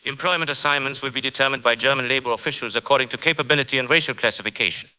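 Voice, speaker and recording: Man playing a clipped authoritarian radio announcer, rapid delivery, bright hard tone, lowish voice. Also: smooth, dull audio. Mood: cold, commanding. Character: cold male occupation-authority radio announcer.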